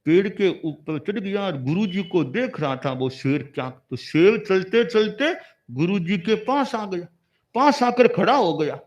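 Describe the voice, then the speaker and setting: Slow, lively preaching man. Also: high-pitched, highs cut off. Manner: storytelling, didactic, repeating key words. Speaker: religious preacher. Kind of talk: sermon with a parable.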